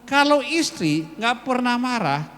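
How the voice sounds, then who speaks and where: A man's voice: extremely high pitch, big pitch swings, fairly bright tone, slight background noise. Coaxing man preaching in a reverberant church. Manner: coaxing, repeats phrases slowly for emphasis, calls out to the men. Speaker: worship leader addressing the congregation. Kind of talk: lively sermon-style exhortation. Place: large church hall. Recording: long church hall reverb.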